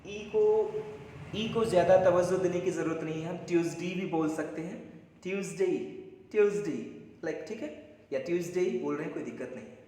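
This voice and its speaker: A man's voice: on the high side, a little fast, dark tone. A man teaching English pronunciation at a board, speaking Hindi with English words mixed in and repeating each word to drill it. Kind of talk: classroom lesson at a board. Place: room with a board. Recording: echoey room with long reverb and faint background hiss.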